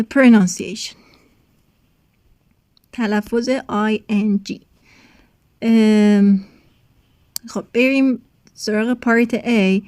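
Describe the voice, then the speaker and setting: A woman English teacher talks students through a textbook lesson, pausing often on filler sounds as she switches languages. Her voice is soft and mellow. The sound is close and dry, with no room around it. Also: medium pitch, no echo.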